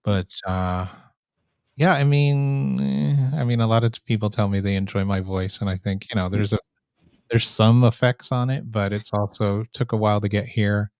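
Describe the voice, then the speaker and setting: A man's voice: on the low side, steady tone, moderate pace, a little mellow, smooth, dry recording, clean studio sound. A man with a nasal voice, chatting casually as a live host, right up against the microphone. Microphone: microphone right up close.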